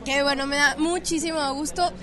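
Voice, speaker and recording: A Mexican woman reporter interviewing people at an outdoor music festival and asking quick, upbeat questions. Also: sits high, fairly even intonation. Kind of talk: on-site interview. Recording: loud music and crowd behind.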